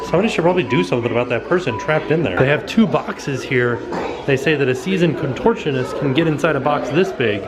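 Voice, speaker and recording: This museum-touring vlogger has a mid-range, expressive voice and talks fairly quickly. He ad-libs casually about the exhibits in the indoor rooms, showing mild amazement as he points things out. Loud music plays behind him.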